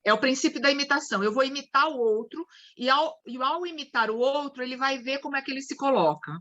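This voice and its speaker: A woman's voice: high voice, fast talker, muffled recording, over a noisy crowd. A Brazilian woman lecturing a study group on psychodrama, explaining with acted-out examples and frequent restarts. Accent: Brazilian Portuguese.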